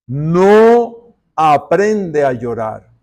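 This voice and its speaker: A man's voice: on the high side, very animated, drawn-out words, a little mellow. A man preaching a sermon in church, talking with the congregation through rhetorical questions. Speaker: pastor.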